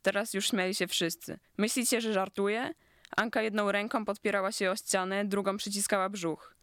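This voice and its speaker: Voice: medium pitch, little pitch movement, brisk, fairly bright tone, clean tone, no echo, clean studio sound. Narrator reading a biting literary story.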